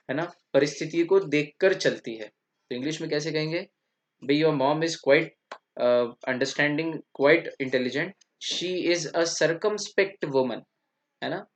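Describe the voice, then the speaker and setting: A man with an Indian accent giving an English vocabulary lecture, explaining step by step and checking in with his students. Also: on the high side. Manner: explains step by step, asks "theek?" often. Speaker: English teacher. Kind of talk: classroom lecture. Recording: dull lo-fi recording.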